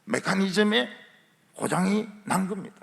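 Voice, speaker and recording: A man's voice: high voice, animated, normal speed, gravelly, a bit bright. A male pastor preaching a revival sermon, asking rhetorical questions and mixing in humor. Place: large church sanctuary. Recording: long church hall reverb.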